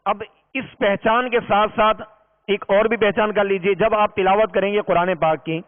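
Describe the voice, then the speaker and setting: A man gives a measured recitation lesson, explaining each rule patiently and stretching the long vowels. The sound is thin and phone-like, with a long reverb tail trailing his words. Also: high voice, steady tone. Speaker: Quran reading teacher. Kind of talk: recorded tajweed lesson. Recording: tinny, reverberant lo-fi recording.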